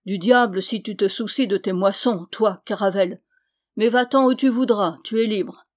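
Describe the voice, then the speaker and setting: A woman reading the lines of a blustering, swearing medieval knight, loud and exclamatory. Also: medium pitch, fairly even intonation, moderate pace, natural voice.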